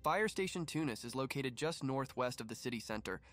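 A man narrating a documentary voice-over in a calm, even, explanatory way. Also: medium pitch, moderate pace, soft background music.

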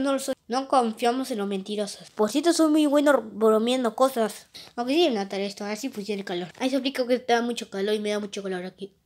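A woman doing playful plush-toy role-play of a video game, jumping quickly between excited, squealing character voices. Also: a little high.

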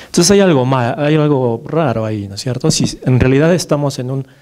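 This conference lecture is given by a Peruvian man in his thirties, a neurologist, at a podium in a big darkened hall, captured via podium microphone and far camera. His Peruvian Spanish is brisk and lively in intonation, his voice mellow and mid-range. He keeps things casual with lots of fillers and "right?" questions.

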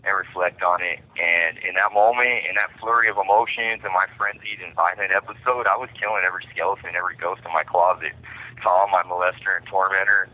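A man with a deep, low voice tells his story over a prison phone line. He speaks haltingly and frankly, stopping often on "uh" and "um". The sound is thin and tinny, squeezed through a telephone. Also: steady tone. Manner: halting, many fillers, frank. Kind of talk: personal confession by phone.

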